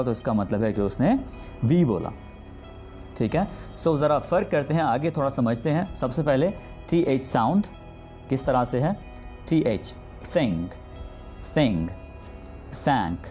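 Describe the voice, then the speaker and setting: A man teaching English pronunciation, repeating each example word slowly and deliberately. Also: fairly high pitch, darkish tone. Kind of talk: spoken pronunciation lesson.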